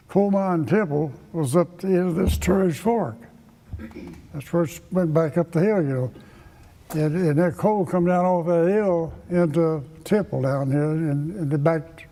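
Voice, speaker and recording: An elderly man with an Appalachian accent recalls old times in casual conversation. His voice is soft-edged and a little high for a man. He talks in a folksy, halting way, circling back over phrases, in an echoey room. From Kentucky, United States. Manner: folksy, halting, repeats phrases while remembering. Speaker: interviewee recalling childhood. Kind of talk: casual oral-history reminiscence.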